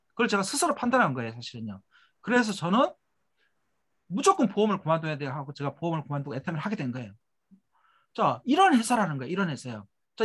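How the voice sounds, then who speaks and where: A middle-aged man delivers a motivational seminar lecture for a network marketing business. He speaks emphatically, poses rhetorical questions, and lets his tag phrases fade off low and quiet.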